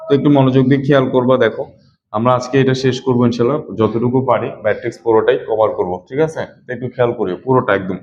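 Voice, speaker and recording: A male tutor explains a math topic to his class, often checking whether they follow and answering his own questions. His voice sits at an ordinary pitch. The recording is muffled and lo-fi, with a faint background hiss. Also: fairly even intonation, rapid-fire, a little mellow. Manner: repeats and quizzes students with rhetorical questions. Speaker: math teacher. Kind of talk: classroom lecture. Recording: dull lo-fi recording with faint noise.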